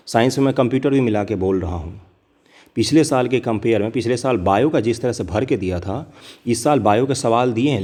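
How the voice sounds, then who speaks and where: A man talks through an exam paper with his students in an earnest, direct way. His voice is mellow and warm, at a middling pitch. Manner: earnest, direct, addresses viewers as brothers. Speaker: exam coaching teacher. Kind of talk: casual exam paper discussion.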